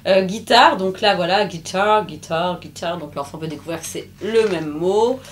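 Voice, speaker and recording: A woman's voice: medium pitch, lively intonation, normal speed, slight background noise. A woman presenting a children's book in a casual, chatty way, with many hesitations and fillers, who laughs at her own jokes.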